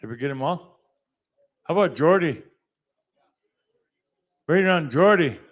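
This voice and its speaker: A man working as a powwow emcee, calling people up by name in a halting, list-like way. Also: a little high, animated. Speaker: powwow emcee announcing names.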